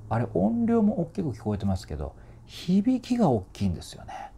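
A man's voice: high voice, huge pitch swings, a little fast, vocal fry, dark tone, breathy edge. A man working as a voice trainer, explaining singing technique in a chatty, informal way and demonstrating vowel sounds.

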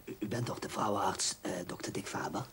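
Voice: deep voice, lively intonation, a little fast, a bit bright, a little hiss or hum. A performer playing a pushy, overfamiliar book fan in a film comedy sketch, nudging with constant asides and sly whispers. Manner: insistent, keeps nudging with "hè?" and drops into sly whispers.

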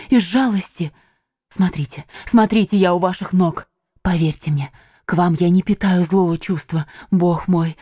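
A woman's voice: low-pitched, warm tone, slightly rough, no echo, clean studio sound. A woman voicing a cunning captive noblewoman in an audiobook, pleading and theatrical. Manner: pleading, theatrical, breathless entreaty. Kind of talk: audiobook character reading.

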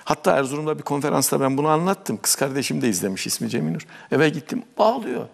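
A man, a talk show guest, telling a childhood fairy tale in an animated way and acting out quoted voices. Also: a little high, quick pace, gravelly, in a large hall. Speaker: guest storyteller.

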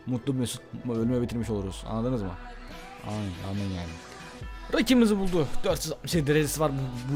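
An excitable young man commentates his football video game as he plays, cheering on and scolding the players on screen and repeating words over and over. His voice sits a little high, with faint music playing underneath. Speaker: gaming YouTuber. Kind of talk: live gameplay commentary.

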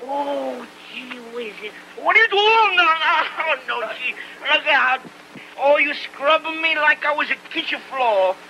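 A male actor plays an excitable older immigrant farmer, protesting in broken English full of stammering exclamations, in an old film acting style. The voice is high and moderately paced, over a noisy background.

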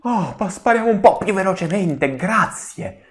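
A man hosting a gaming channel, giving excitable let's play commentary, swearing and pleading with the enemies on screen. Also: sits high, measured pace.

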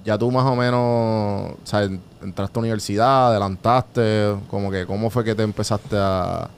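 Low-voiced man hosting a podcast. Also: steady tone, moderate pace, slight background noise. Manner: short backchannel replies and questions. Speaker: podcast host. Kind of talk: casual interview. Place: small studio. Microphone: studio mic, headphones.

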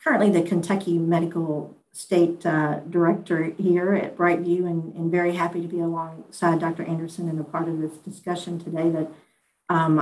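Lower-pitched woman, halting webinar speaker. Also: darkish tone, rough recording. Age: middle-aged. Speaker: co-presenter, physician and medical director. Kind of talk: informal webinar talk. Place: video call, indoors.

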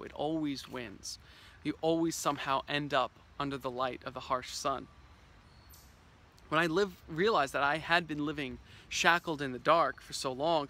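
A man's voice: a little high, slight background noise. A man in his thirties giving an earnest, reflective vlog monologue outdoors on a wooded trail, filmed with a camera held at arm's length. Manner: earnest and expressive, with dramatic pauses. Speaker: vlogger.

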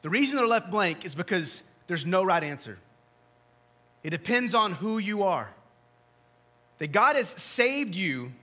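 Bright-voiced man preaching a sermon. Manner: earnest preaching, drops soft and low for emphasis. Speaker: pastor. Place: church sanctuary.

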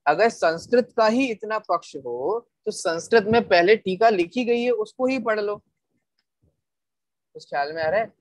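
Guy teaching scripture, slightly high voice, keeps asking if you follow, dry close sound. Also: lively intonation, measured pace, no echo. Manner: rhetorical questions to listeners, checks they follow; patient, repeats points for emphasis. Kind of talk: explanatory scripture lecture.

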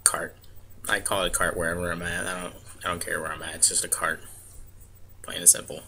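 Low-voiced young American man, bright tone. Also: little pitch movement, a little fast, a little hiss or hum. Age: 20s. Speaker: vlogger answering a questionnaire. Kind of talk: casual chat with word-list and book reading. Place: small home room, indoors. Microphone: webcam or laptop mic at arm's length.

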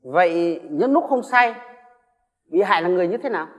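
Stern judge, higher pitch, reverberant room. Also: male voice, lively intonation, brisk. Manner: stern, formal questioning. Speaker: judge presiding at a trial. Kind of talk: dramatized courtroom questioning.

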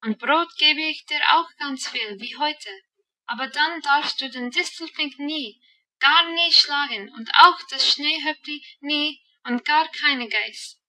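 A woman voicing an excited little girl who gushes and exclaims in wonder. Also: high voice, slow, far from the mic, voice pushed up, exaggerated voice, rough recording. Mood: pleading. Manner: gushing, exclaiming, breathless wonder.

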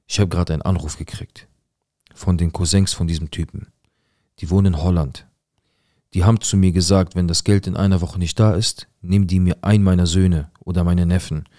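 A man voicing his agitated middle-aged father, loud and shouting as he retells the scene. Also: low voice, steady tone, brisk, no room sound, clean studio sound, lightly acted. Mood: furious threatening. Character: enraged middle-aged father under pressure.

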